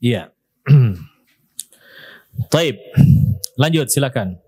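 Slow, patient male tajweed teacher. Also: medium pitch, expressive, darkish tone, slightly rough. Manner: patient, repeats syllables slowly to model pronunciation; ends phrases with a questioning "ya". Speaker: Quran recitation teacher. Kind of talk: tajweed lesson with spoken demonstrations.

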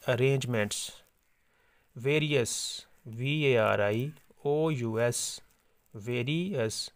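A man teaching an English spelling lesson, slowly repeating each word and spelling it letter by letter. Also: medium pitch, clean tone, dry recording. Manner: slow, repetitive dictation, repeating each word several times.

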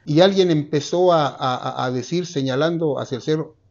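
A man in his sixties with a Mexican accent, recalling an old memory in an interview with a lapel mic, halting and full of restarts. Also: on the high side, vocal fry, highs cut off. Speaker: eyewitness interviewee. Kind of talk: recounting a memory. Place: dark room, seated.

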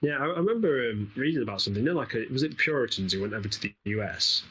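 A man's voice: mid-range voice, lively intonation, rapid-fire, fairly bright tone, breathy edge, rough recording. An English man with an East Midlands accent, chatting casually and rambling while commentating a co-op game, laughing often. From England. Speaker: gaming channel host.

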